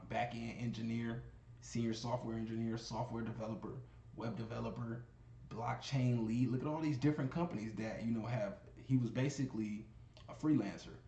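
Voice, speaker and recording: A man's voice: mid-range voice, mellow. A man hosting a casual crypto video, chatting to viewers as he scrolls through web pages. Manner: conversational, addresses viewers as y'all, repeats "you know what I'm saying". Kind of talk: casual screen-share commentary. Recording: echoey room, faint ambient noise.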